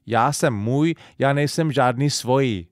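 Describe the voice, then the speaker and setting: A man's voice: mid-range voice, animated, no echo, clean studio sound, close to an everyday voice. A man with a Silesian accent voicing a stubborn, sulky young groom in an audiobook. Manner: sulky, blunt.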